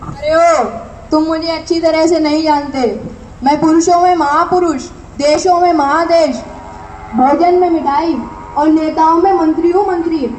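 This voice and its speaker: A woman's voice: very high-pitched, fairly even intonation, moderate pace, darkish tone, slight background noise. A female performer playing a boastful, taunting alphabet letter in a school stage skit. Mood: boasting. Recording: echoey room.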